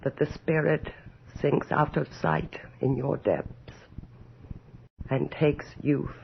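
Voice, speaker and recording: A woman playing a vain, tormented aging countess in a radio horror drama, theatrical and declaiming, with a raspy, creaky voice. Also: sits low, slow, slight background noise, exaggerated voice. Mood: brooding, despairing. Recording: dull, lo-fi old radio recording.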